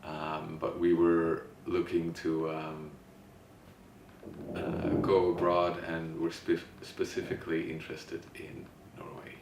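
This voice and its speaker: Low flat-voiced man, halting and slow. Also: creaky. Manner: halting, searching for words. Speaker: interviewee. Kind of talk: casual interview answers. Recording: distant mic in echoey room with noise.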